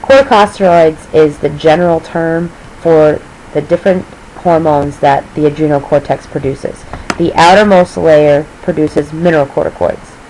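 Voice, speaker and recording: A woman teaching a recorded review lesson, her voice sitting low. She is losing her voice as she explains step by step, checking in with a quick "okay?". Faint noise hums under the recording. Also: darkish tone, poor audio.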